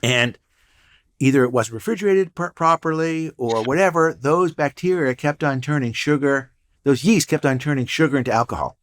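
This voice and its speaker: A man's voice: on the high side, normal speed. An older man, a guest entrepreneur and professor, telling stories in a casual interview with dry, punning humor. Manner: storytelling, wry and punning.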